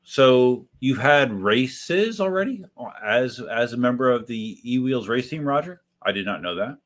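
A man's voice: mid-range voice, lively intonation, a little slow. A man hosting a livestream, chatting casually, rambling and correcting himself as he reads out viewers' messages after a few drinks. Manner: rambling and self-correcting, talks to viewers by name. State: has had a few drinks. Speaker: livestream host.

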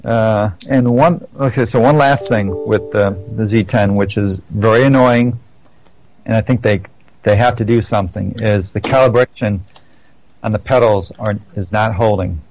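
A man's voice: fairly low pitch, normal speed, darkish tone, no room sound, poor audio. A man chatting casually on a podcast, rambling through stories with many restarts and self-corrections. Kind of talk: casual chat.

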